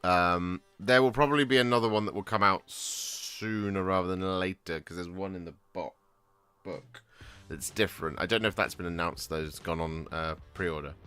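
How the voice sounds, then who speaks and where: Low-voiced man rambling casually. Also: sharp tone, clean tone. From England. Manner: rambling, full of restarts and fillers. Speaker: hobby vlogger. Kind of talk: casual chat while painting miniatures.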